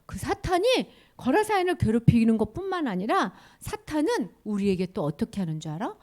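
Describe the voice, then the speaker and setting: A woman's voice: on the high side, big pitch swings, brisk, a little mellow. A woman giving a children's sermon, asking the children questions and sometimes dropping to a whisper.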